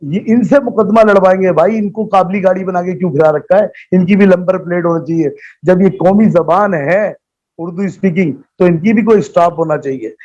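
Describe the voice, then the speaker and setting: A man speaks as a call-in guest, his voice sitting high for a man. The dull, lo-fi phone line strips away the fullness of his voice. He argues forcefully and rhetorically, repeating his points for emphasis. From Pakistan. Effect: heard over a phone line. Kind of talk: impassioned political argument.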